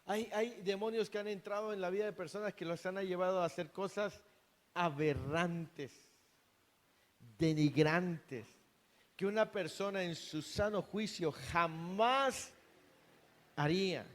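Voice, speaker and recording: Preacher guy giving a sermon, kinda high voice, earnest, restarts a lot, long hall echo. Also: a little slow. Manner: earnest, repeats and restarts words.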